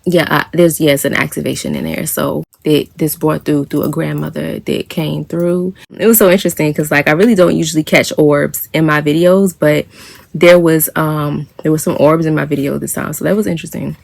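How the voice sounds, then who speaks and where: Low, gravelly-voiced woman vlogging softly. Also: fairly even intonation, normal speed, no room sound. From United States. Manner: soft-spoken, meandering, frequent fillers and light laughs. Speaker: spiritual practitioner and reverend. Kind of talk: casual reflective vlog monologue.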